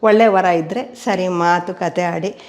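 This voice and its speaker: A woman's voice: lowish voice, takes it slowly. An older woman, telling family stories at home as an interviewee. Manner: steady storyteller who voices quoted people. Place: indoors at home.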